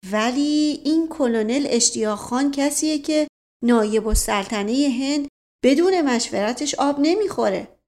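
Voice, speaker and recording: Woman reading nervous middle-aged colonel, halting, hesitant, slightly raised voice, storybook. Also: sits high, expressive, a little mellow, voice pushed up. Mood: anxious. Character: anxious middle-aged man, retired colonel.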